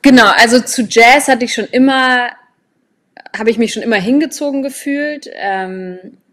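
A woman's voice: on the high side, moderate pace, fairly bright tone. Young woman from hamburg, singer guest, thoughtful, filler words, laptop video call from home. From born in London, grew up in Hamburg. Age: young adult. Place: home room. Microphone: laptop webcam on video call.

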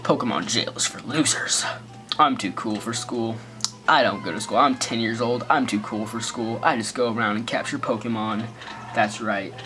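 A man with an American accent and a medium-pitched voice at normal speed gives goofy, rambling let's play commentary. He jokes constantly and tosses in sarcastic asides, with faint game music in the background.

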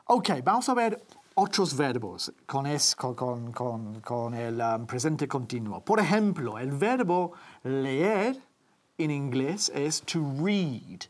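A woman's voice: rumbling low, sing-song, slow pace. A woman presenting a TV English lesson, patiently repeating words and phrases for viewers to practice. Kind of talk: bilingual TV language lesson.

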